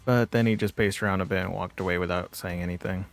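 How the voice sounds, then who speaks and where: A man's voice: deep voice, fairly even intonation, fast talker, vocal fry. A man doing a casual let's play, reading game dialogue aloud and muttering offhand comments to himself. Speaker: gamer, video host. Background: faint game music.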